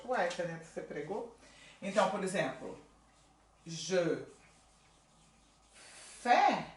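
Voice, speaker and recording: Lively woman teaching slow, in a roomy echo. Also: mid-range voice, distant mic. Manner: slow, drawn-out model pronunciations with lively coaching asides; frequent tag questions to viewers. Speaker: French teacher. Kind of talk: online language lesson. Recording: roomy echo, voice a bit off-mic.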